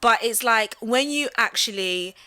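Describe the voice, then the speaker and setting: A young woman raised in the Midlands, born in Central West Africa, arguing her view in a casual debate, talking in quick bursts with many fillers. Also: fairly high pitch. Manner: animated, many fillers, often asks "do you get what I mean". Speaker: channel host.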